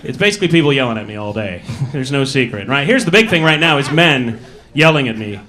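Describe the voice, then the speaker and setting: A man with an Upper Midwest American accent doing a stand-up routine on a comedy club stage, telling dry, wry stories with quick asides. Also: medium pitch, expressive, sharp tone.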